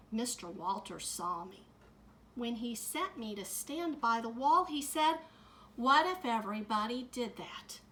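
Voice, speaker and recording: A woman teacher in middle age reads a picture book aloud to young children. Her voice sits a little high and sounds bright, and she takes her time over every line. She stops now and then to talk gently to her listeners. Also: slight background noise. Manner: slow, gentle storytime delivery with added comments to kids.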